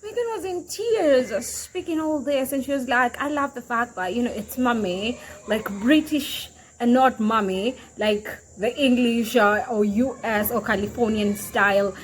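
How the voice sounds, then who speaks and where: A woman with a high voice delivers opinionated commentary. She is emphatic and repetitive, peppering her talk with fillers. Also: a little slow, hardly any pauses, a little hiss or hum, low-quality recording. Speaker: commentary vlogger.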